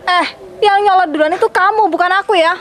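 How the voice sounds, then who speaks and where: A woman's voice: very high voice, brisk, fairly bright tone. A woman playing a boastful village businesswoman in a skit, arguing back defiantly. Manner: snappy, defiant. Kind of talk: amateur comedy skit acting.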